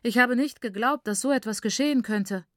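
A woman reads a distraught middle-aged father mourning his son, his voice pushed higher and louder with grief. He laments in strained bursts. The recording is dry and close, with no room sound. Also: normal speed, no room sound, natural voice. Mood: anguished.

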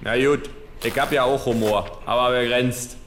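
Gruff Berlin cop, curt questions, roomy echo, played by a man. brief: blunt, bored. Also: mid-range voice, steady tone, normal speed, fairly bright tone, a little hiss or hum, voice pushed up, natural voice.

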